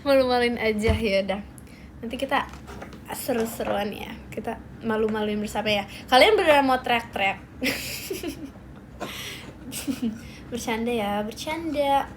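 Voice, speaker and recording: A high, girlish young woman chatting slowly and playfully with her viewers on a livestream. She giggles and teases, taking her time between remarks, with a faint hum of background noise behind her. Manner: playful, giggly, reacting to comments. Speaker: livestream host. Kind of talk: casual livestream chat.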